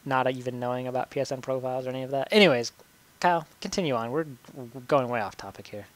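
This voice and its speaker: A man's voice: mid-range voice, quick pace, a bit bright. A young man hosting a casual gaming podcast, loose and joking, laughing often and trailing off with fillers. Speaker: podcast host.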